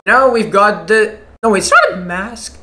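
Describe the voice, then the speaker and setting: Excitable game reaction host, rambling, lively swooping pitch, echoey room, faint music behind. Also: unhurried. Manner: excitable, rambling, breaks into silly voices. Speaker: mod reaction video host. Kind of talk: casual game reaction commentary.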